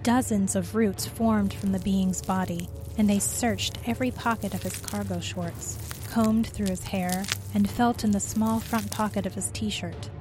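A woman reads a scripted story aloud in a steady, even voice. Her pitch sits at a typical middle level for a woman. Her delivery stays measured through the narration. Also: over music.

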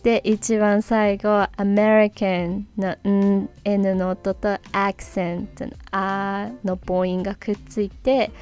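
Unhurried woman teaching English sounds. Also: medium pitch, flat delivery, a little mellow, smooth, faint music behind. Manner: repeats English phrases slowly, then at normal speed. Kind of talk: podcast lesson on English linking.

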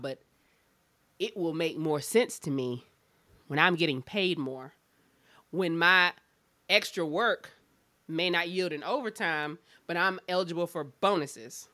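A woman's voice: sits low, measured pace, bright, forceful tone, dry recording. A woman with a Southern US accent and drawl, talking bluntly and emphatically and swearing freely in a candid podcast chat. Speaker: schoolteacher.

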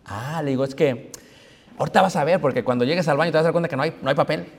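A man with a higher-than-average voice preaches very fast to a congregation in a reverberant hall. He tells stories, poses questions to the audience, and mixes in English, with a little hiss or hum on the recording.

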